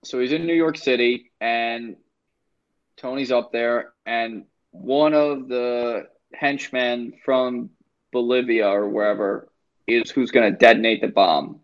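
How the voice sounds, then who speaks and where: A man's voice: medium pitch, fairly even intonation, slow pace, lo-fi sound. A man in casual chat, animatedly retelling a film plot with emphatic recaps.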